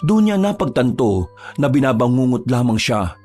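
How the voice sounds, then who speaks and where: A man giving steady, dramatic scripted narration of a horror story. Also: medium pitch, normal speed, faint music behind.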